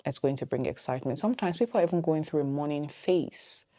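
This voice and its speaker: Woman w low voice vlogging about running her small business, rambly and chatty, says she's talking fast. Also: animated, dark tone. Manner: chatty, thinks aloud with frequent ums. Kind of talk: casual business-tips vlog.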